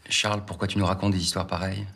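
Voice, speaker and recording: A man's voice: low voice, level tone, very fast, gravelly, fairly bright tone, heavily acted. An actor playing a worried husband and father who speaks sternly and anxiously.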